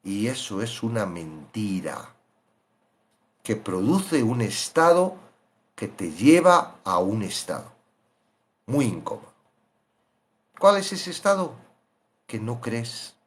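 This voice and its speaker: A man teaching a Bible study, animated and acting out the voices of believers as he explains. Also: on the low side, takes it slowly, pauses often.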